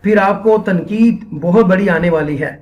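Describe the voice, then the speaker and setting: A man's voice: sits high, dull audio. A man with a Pakistani accent giving an earnest training lecture for Quran teachers, often repeating phrases and mixing in English. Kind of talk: instructional lecture.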